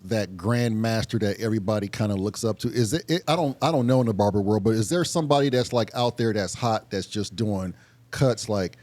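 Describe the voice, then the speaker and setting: A man's voice: lowish voice, brisk, a little mellow, no room sound. A man hosting a casual group interview, eager and asking probing questions. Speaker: host.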